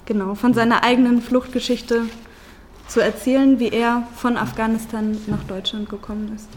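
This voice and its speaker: A woman's voice: on the high side, steady tone, moderate pace, slight background noise. A woman moderating a talk, speaking with some hesitation and fillers.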